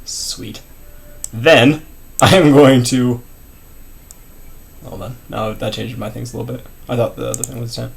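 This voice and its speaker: A soft-spoken woman plays a casual tabletop game and chuckles now and then. Her voice is strikingly low with a gravelly edge. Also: fairly even intonation, a little slow, long pauses. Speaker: player.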